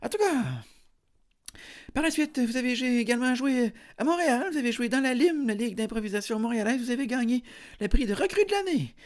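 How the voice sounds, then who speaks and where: A young man with a Quebec French accent, hosting a podcast as a deadpan mock interview, rambling with many hesitations. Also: extremely high pitch, a little fast. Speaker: podcast host.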